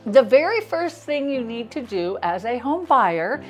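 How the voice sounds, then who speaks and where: A woman with an American accent speaks in a fairly high voice, with a noticeable lisp that whistles on her s sounds. She delivers a scripted explainer as a realtor hosting her own video, over background music. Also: big pitch swings, measured pace.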